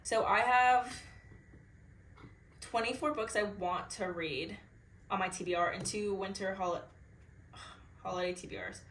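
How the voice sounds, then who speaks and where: A woman's voice: medium pitch, unhurried, long pauses, a bit bright, echoey room, a little hiss or hum. A young woman, chatting bubbly and casually about books in a reaction vlog. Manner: bubbly, chatty, filler-heavy. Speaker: book vlogger.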